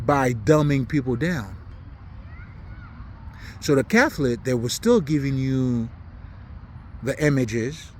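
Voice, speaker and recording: A spiritual commentator from Haiti, not a native English speaker, delivers an unscripted, preaching monologue in blunt, profane slang with emphatic repetition. His mid-range voice is a little mellow, with slight background noise.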